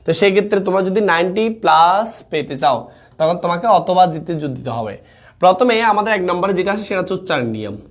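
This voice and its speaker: A man's voice: high-pitched, animated, fairly quick. A young man teaching a live online exam-prep class in an informal, chatty way, reading out student comments and checking in with the students often.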